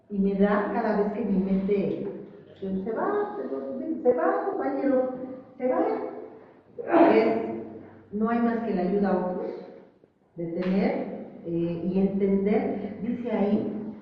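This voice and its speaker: A middle-aged woman speaks at a support group, sharing her story with emotion and acting out the voices of others. Her voice sits a little high. She is picked up from far off in a large echoing hall, and the sound is muffled. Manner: emotional, acts out other voices, self-mocking. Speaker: group member sharing testimony. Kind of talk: personal testimony at a support group. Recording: echoey hall, distant mic, muffled.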